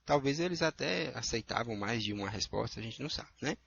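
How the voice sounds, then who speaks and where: A man's voice: medium pitch, lively intonation, brisk, creaky, fairly bright tone, breathy edge, muffled recording. A man with a Brazilian Portuguese accent, a teacher going through worksheet answers and checking in with his students often. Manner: explanatory, checks in with frequent "tá?" and "né?".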